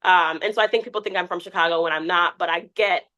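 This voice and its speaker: The audio is dull, and the woman speaking has a fairly low pitch and talks fast. She's a TikTok creator in her twenties, a podcast guest chatting candidly in a casual interview and acting out quotes in animated stories.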